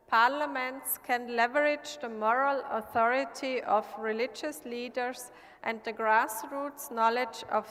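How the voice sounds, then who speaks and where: A woman's voice: a little high, a bit bright. Earnest woman in a reverberant hall. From Austria. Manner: earnest, measured delivery. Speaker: parliamentarian. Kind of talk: formal prepared speech. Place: large assembly hall.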